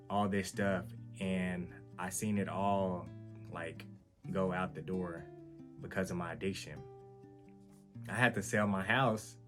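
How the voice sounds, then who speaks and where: A man hosting his own show, candidly telling his personal story in an earnest, self-correcting way. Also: low voice. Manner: earnest, candid, repeats himself and restarts often. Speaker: host. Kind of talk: personal testimony vlog.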